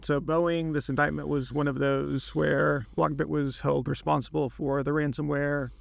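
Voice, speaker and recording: A man co-hosting a podcast, chatting in a relaxed, agreeable way. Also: on the high side, normal speed, vocal fry, dry recording. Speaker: guest co-host. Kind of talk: casual chat.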